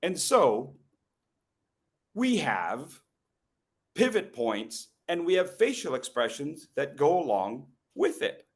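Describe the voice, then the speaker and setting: A middle-aged man giving a humorous talk on storytelling to a live group, teasing people in the room and slowing down with pauses for emphasis. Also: fairly high pitch, very animated, breathy edge. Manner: playful, teasing the audience, quick asides. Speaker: educational speaker at a club meeting.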